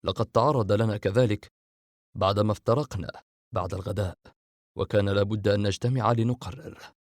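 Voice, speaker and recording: The eldest brother, calm and steady, speaking a little lower than the reader's own voice, as a man reads him. The recording is dry and close. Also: fairly quick, no room sound, natural voice. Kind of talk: audiobook character reading.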